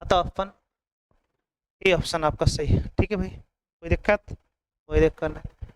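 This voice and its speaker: Clear-voiced male coaching teacher. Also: a little high, fairly even intonation, a little slow, rough recording. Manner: repeats words and checks in often with students. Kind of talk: exam coaching lesson.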